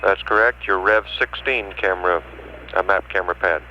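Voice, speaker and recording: A man's voice: sits low, moderate pace, bright, forceful tone, muffled recording, a little hiss or hum. A man at mission control speaking in clipped, formal radio procedure over an archival space radio link. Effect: space radio transmission. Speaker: mission control capsule communicator. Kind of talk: procedural radio communication, reading out numbers.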